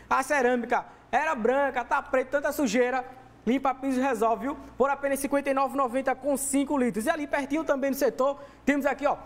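A young man with a very high voice and a Recife accent promotes a store on live TV. He delivers a sales pitch in a studio. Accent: Brazilian Northeastern, Recife.

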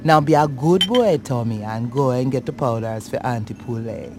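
An actress playing an older, coaxing and menacing voodoo auntie with a crooning, drawn-out delivery in a video game. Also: female voice, rumbling low, background noise. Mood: sly, scornful. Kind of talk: video game cutscene acting.

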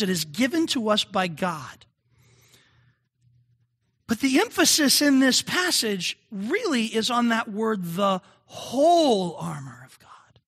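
A man's voice: very high voice, pushed and bright, husky. A male pastor giving a conversational sermon, often asking the congregation questions.

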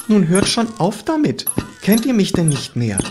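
A man voicing a flustered, indignant male chess bishop who is a lute-playing bard, pleading in a high plaintive voice. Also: wildly swooping pitch, normal speed, a little mellow, a little hiss or hum. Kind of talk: audiobook character voice. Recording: music playing underneath.

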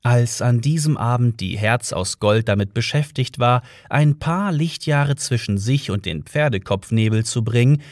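A man's voice: medium pitch, darkish tone, dry recording. Dry-voiced male audiobook narrator. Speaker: audiobook reader.

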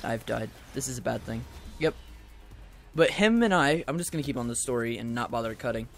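A young man giving casual, rambling let's-play commentary, excitable and full of goofy asides. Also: mid-range voice, brisk, gravelly, soft background music. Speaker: gaming video host.

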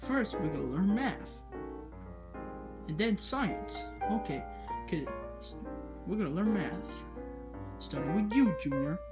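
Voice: mid-range voice, expressive, unhurried, pauses often, over loud music, close to an everyday voice. A performer voicing a strict, short-tempered male skeleton teacher in a homemade plush-toy story, hesitant and scolding. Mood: businesslike.

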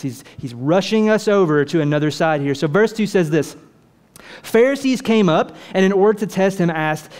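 A man preaching a sermon in a lively, conversational way, full of rhetorical questions to the congregation. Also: fairly high pitch. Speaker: pastor.

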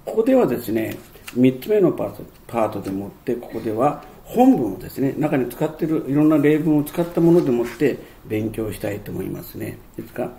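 A man's voice: mid-range voice, very animated, a little fast, vocal fry, mellow, slight background noise. A man explaining an English textbook lesson in a rambling way, with many fillers and restarts. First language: Japanese. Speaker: English teacher.

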